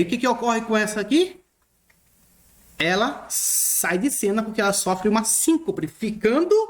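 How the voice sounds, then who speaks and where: A male teacher walks through a grammar lesson. His pitch moves freely up and down as he points at written text. He repeats himself and checks in with his students again and again. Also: slight background noise. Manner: repeats points and checks in often with short questions. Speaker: Greek teacher. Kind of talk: recorded online lesson explaining grammar.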